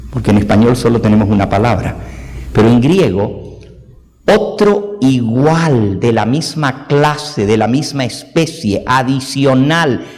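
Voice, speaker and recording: A man's voice: medium pitch, unhurried, darkish tone. A male pastor preaching a sermon, explaining point by point with repeated everyday examples. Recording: long reverb of a hall.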